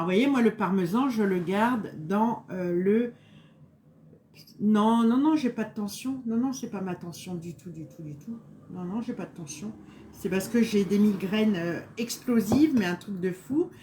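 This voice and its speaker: A woman's voice: mid-range voice, expressive, a little slow, mellow, slight background noise. A woman presenting a recipe in a casual live cooking chat, rambling with many fillers, tired and on edge after a bad night. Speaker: home cook presenting a recipe.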